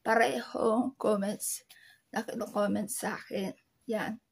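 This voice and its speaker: A woman from the Philippines chatting casually as an online seller, with a soft voice that sounds like crying, talking haltingly with many fillers. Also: mid-range voice, steady tone, vocal fry, husky. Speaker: online seller sharing tips. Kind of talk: casual vlog talk.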